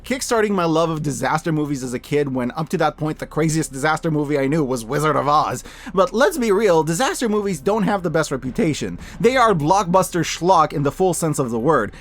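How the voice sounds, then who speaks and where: A video host in his thirties delivers scripted, opinionated film review commentary, sarcastic, animated and emphatic. His voice has a fairly high pitch.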